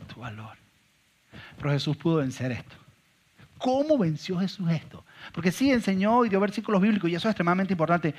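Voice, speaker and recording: A man preaching a sermon as pastor, emphatic and full of rhetorical questions, swinging from loud to quiet. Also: a little high. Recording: dull lo-fi recording.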